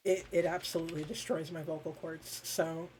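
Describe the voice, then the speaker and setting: A woman on a live stream, talking to her viewers in a loose, rambling way full of "um" and "like", with a fairly low voice. There's clear noise and clicking in the background of the recording. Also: fairly even intonation, moderate pace, a little mellow, rough recording. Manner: rambling and informal, with frequent fillers and swearing.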